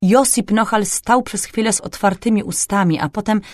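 A woman narrates a dark fantasy audiobook in a clear, even storytelling voice. Her voice sits at a middle pitch, and the close studio sound has no room echo. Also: normal speed.

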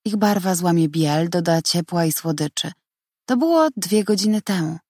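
Calm, low-voiced woman narrating. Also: dry recording, clean studio sound. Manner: calm and measured. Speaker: audiobook narrator. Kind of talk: first-person audiobook narration.

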